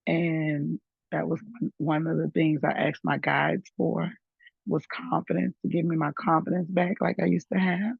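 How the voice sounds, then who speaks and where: A middle-aged woman with a hoarse voice, chatting warmly and laughing between thoughts in an online group. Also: low voice, fairly even intonation, normal speed, no room sound. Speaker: group member sharing. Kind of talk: casual sharing in an online group. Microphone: video call. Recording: dull lo-fi video call audio.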